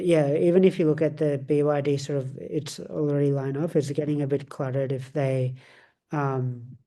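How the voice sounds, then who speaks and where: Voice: mid-range voice, creaky, dark tone. A podcast co-host chatting casually about cars, rambling with many fillers and restarts.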